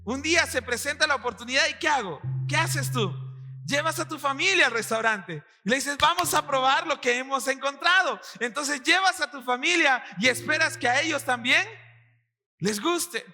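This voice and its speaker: High, bright-voiced Peruvian pastor preaching. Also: male voice, moderate pace. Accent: Peruvian Spanish. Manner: animated, acts out quotes, quizzes the congregation. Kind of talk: sermon. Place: church hall with congregation. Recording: long hall reverb, faint music.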